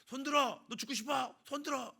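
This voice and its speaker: A man playing a gruff male bank robber who barks orders and turns chummy. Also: extremely high pitch, sing-song, fairly quick, bright, forceful tone, pitched above the performer's own voice, heavily acted. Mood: barking. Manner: barking orders, then chummy.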